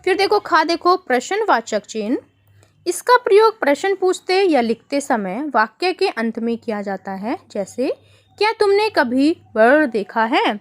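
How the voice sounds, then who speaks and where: A primary school teacher leads an online worksheet lesson for young children. Her high voice swings widely in pitch as she explains patiently, quizzing the kids and calling them "beta".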